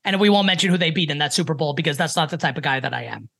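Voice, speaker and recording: A man's voice: a little high, rapid-fire, creaky, a bit bright. A man in his thirties, hosting a sports betting talk show in a casual, filler-heavy chat. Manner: chatty, lots of "like" fillers.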